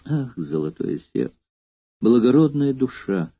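A man's voice: medium pitch, very animated, moderate pace, vocal fry, breathy edge, no room sound, heavily acted. A man voicing a young female courtesan who pleads and feigns tenderness, in an audiobook reading. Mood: tender. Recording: dull lo-fi dry recording.

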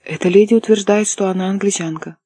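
A rude gatekeeper barking at a stranger at the gate, as an audiobook reader puts him on. The voice is mellow and husky, close and dry. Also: mid-range voice, steady tone, fast talker, lightly acted. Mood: wary. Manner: gruff shouting. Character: rude male embassy gatekeeper. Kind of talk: audiobook character voice.

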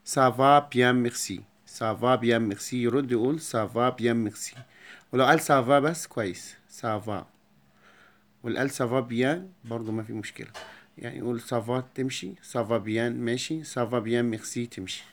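A man with an Egyptian Arabic accent explaining a beginner lesson, repeating each word slowly and clearly for his pupils. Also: medium pitch. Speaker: French teacher.

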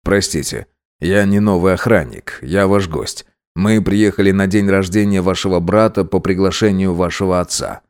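A man voicing a calm, polite male detective in an audiobook, speaking in a measured way. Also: low voice, clear, resonant tone, close to an everyday voice.

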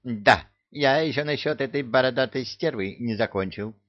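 A man voicing a loud, hysterical male parrot who squawks, gossips and brandishes threats. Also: mid-range voice, moderate pace, dry recording, lo-fi sound, natural voice. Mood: gossiping.

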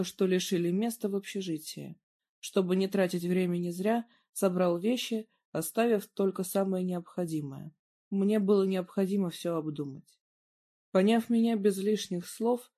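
A reader narrating a first-person story in a subdued, even way. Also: mid-range voice.

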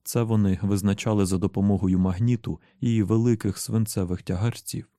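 A man reads an audiobook with a low, mellow, warm voice. His delivery is steady and even, recorded close and dry with no room sound. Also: fairly quick, no room sound. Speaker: audiobook narrator. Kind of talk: scripted narration.

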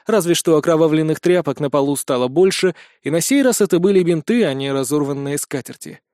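A man tells a story in the first person with lively, expressive narration. His voice sits fairly high. The recording is close and dry, with no room sound. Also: brisk, no echo. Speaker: audiobook narrator.

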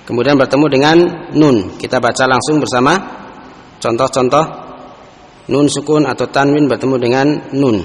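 A man teaching Quran recitation rules, explaining each point and then chanting example phrases slowly for students to repeat. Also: mid-range voice, steady tone. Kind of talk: tajwid lesson with recited examples. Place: large mosque hall. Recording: echoey mosque hall sound.

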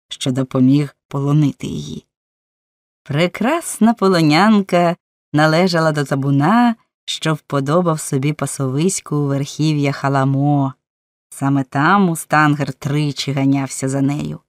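A woman narrating an audiobook in an even storytelling read. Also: deep voice, no room sound. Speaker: audiobook reader. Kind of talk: scripted narration.

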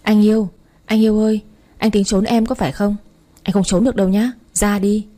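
A woman's voice: mid-range voice, brisk, dark tone, lightly acted. A woman voicing a scheming young mistress in a storybook reading, wheedling in a raised voice. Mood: shrill, threatening. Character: scheming young mistress, coy then panicky.

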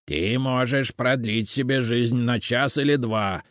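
A man's voice: mid-range voice, dry recording, clean studio sound, pitched above the performer's own voice, close to an everyday voice. A man doing a stern old house spirit. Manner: calm, confident, slow and firm.

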